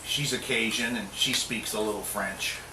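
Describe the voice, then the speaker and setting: With a fairly low, steady voice at normal speed, a middle-aged man cooks at home for a casual show. He's chatty and jokey, muttering to himself as he works. The sound is roomy, taken from a faraway mic, and background noise is clear.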